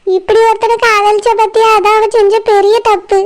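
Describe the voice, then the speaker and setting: A woman's voice: very high-pitched, little pitch movement, normal speed. Woman doing a humble pregnant village woman. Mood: modest. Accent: Kanyakumari Tamil. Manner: soft, modest.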